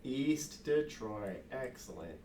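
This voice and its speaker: A man narrating as game master in casual banter, laughing often and tossing in quick asides. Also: medium pitch, expressive, darkish tone.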